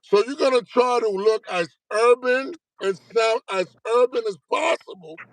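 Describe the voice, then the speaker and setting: A middle-aged Haitian man tells stories as a guest in a casual interview, emphatic, profane and streetwise, constantly repeating tags like "you know what I'm saying." His voice is extremely high-pitched and fairly bright at a moderate pace, in a dry, rough recording.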